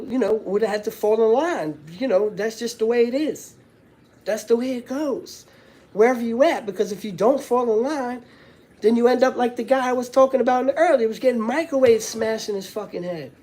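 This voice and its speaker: A man who is a former prisoner hosts a casual live stream indoors at home, rambling in street slang with constant filler phrases like "you know what I'm saying" and frequent swearing. His voice is high-pitched with a warm tone.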